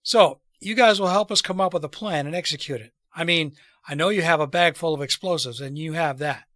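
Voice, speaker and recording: A man voicing an earnest, deliberate revolutionary plotter in a storybook read aloud. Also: on the high side, a bit bright, dry recording, clean studio sound, lightly acted. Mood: persuasive. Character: earnest male revolutionary plotter persuading wary allies.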